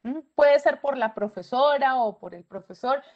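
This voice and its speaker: A woman giving an animated webinar lecture, often stopping to check in with her audience. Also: high-pitched, moderate pace. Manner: animated, asks checking questions, acts out student voices. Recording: dull lo-fi webinar audio.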